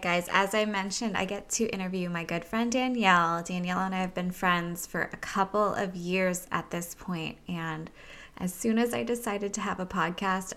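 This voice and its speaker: A woman's voice: fairly low pitch, a bit bright. A young woman hosting a podcast in an informal, chatty, conversational way. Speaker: podcast host and interviewer.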